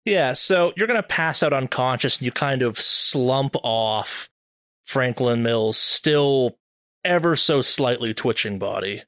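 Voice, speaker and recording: A man's voice: medium pitch, animated, slow, a bit bright, dry recording, clean studio sound. A man narrating a tabletop horror game as game master, describing scenes casually with fillers.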